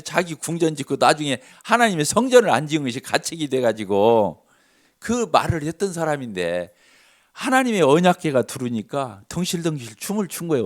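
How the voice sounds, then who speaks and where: A male pastor preaching a revival sermon, asking the congregation questions and acting out the story's dialogue. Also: a little high. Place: church sanctuary.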